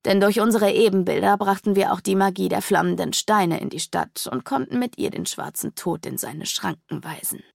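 A calm male wizard explains at an even pace with a low, gravelly edge. A woman reads him in a storybook. The recording is dry. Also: normal speed, few pauses, no room sound.

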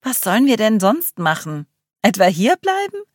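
Woman narrator voicing a gloomy young woman, sarcastic, grumbling, raised pitch, dry close audiobook sound. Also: sing-song, normal speed, no echo.

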